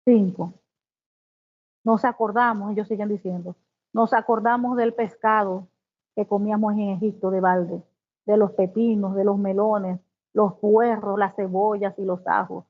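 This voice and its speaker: A woman giving a devotional Bible teaching, reading scripture slowly and then explaining it with exclamations. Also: medium pitch, steady tone. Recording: tinny phone-like sound.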